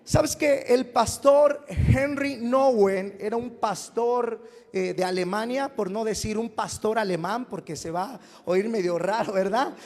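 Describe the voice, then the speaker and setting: A man's voice: high-pitched, a little slow, a little mellow. A man preaching a sermon to his congregation in a call-and-response style, having them repeat phrases and acting out whiny church members. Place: church hall. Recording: long reverb of a church hall.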